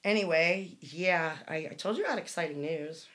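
A woman's voice: fairly low pitch, normal speed, a bit bright. A woman hosting a casual true crime podcast, talking in an emphatic, rambling way. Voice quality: smoker's cough. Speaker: true crime show host.

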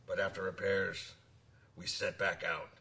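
An actor playing a gruff, hearty old sailor who savors short phrases as he spins dramatic tales of the sea. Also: low-pitched, little pitch movement, measured pace, sharp tone, recorded from a distance, heavily acted. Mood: grave storytelling. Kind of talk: dramatic audio storytelling.

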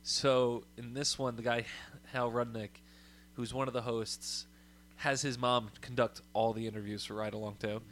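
A man co-hosting a casual chat among friends, who gets animated and laughs while retelling movie scenes. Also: mid-range voice, moderate pace. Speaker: podcast co-host.

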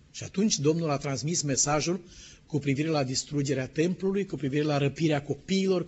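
Husky-voiced pastor preaching a sermon. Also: male voice, fairly high pitch. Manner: emphatic preaching, dropping to a hushed tone for tender moments. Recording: dull lo-fi sermon recording.

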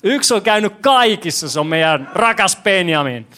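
A young pastor with a high, sharp voice and lively intonation preaches a lively sermon to a congregation in a church hall. He jokes at his own expense, asks the audience questions, and stammers and restarts as he stumbles over his words.

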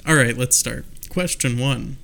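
A man hosting a casual podcast chat, relaxed and wry with dry jokes. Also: medium pitch, measured pace, gravelly, slight background noise. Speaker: podcast host.

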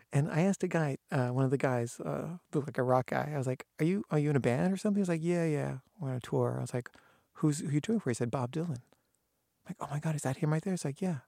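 Studio-quality audio without echo captures a man's mid-range voice as he relates a casual personal anecdote. He's animated, performing the voices of people he quotes, with frequent halting restarts.

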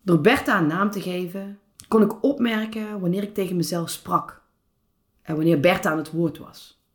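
Calm low-voiced woman podcast host. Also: normal speed. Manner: calm, reflective, with some filler hesitations. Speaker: podcast host and personal coach. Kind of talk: solo podcast monologue.

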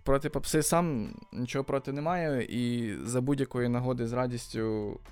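Male guest musician, mid-pitched, thinks aloud, lots of restarts, faint music behind. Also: moderate pace, darkish tone, clean tone. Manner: thoughtful, hesitant, many fillers and restarts. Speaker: podcast guest, rapper and songwriter. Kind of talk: casual interview chat.

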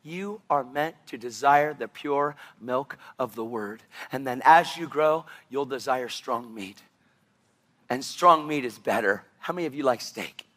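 A man preaching a sermon, animated and impassioned, with sudden loud bursts. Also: medium pitch, a little slow.

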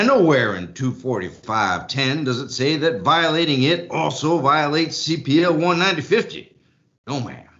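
A man's voice: mid-range voice, a bit bright, natural voice. A man doing a folksy, stern country judge. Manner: country drawl, lecturing, bossy. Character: folksy stern rural male judge, older. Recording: muffled lo-fi audio.

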